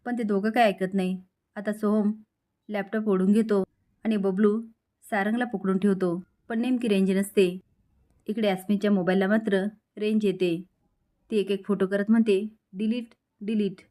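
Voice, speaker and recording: A woman narrates a scripted recap of a serial in a steady, plain storytelling voice. Her pitch sits in an ordinary middle range. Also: normal speed.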